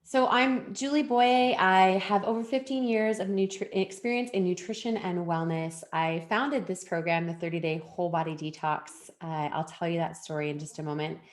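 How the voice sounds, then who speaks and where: A woman's voice: lowish voice, fairly even intonation, normal speed, hardly any pauses. Upbeat, chatty woman presenting live. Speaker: founder presenting her wellness program.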